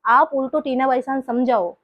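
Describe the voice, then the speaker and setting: A woman's voice: sits high, moderate pace, highs cut off, lightly acted. A woman with a Marwari accent playing a hurt young daughter-in-law who earnestly reproaches her mother-in-law. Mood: reproachful. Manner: earnest, lecturing, emotional.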